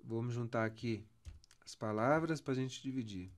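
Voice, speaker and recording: A man's voice: mid-range voice, moderate pace. A man with a Brazilian Portuguese accent teaching a songwriting lesson, counting syllables aloud and stretching words as he goes. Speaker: music teacher.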